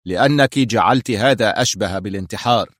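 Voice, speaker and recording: A man's voice: medium pitch, fast, dry recording, natural voice. Man doing a stern crime boss, cold, clipped, commanding, dry recording.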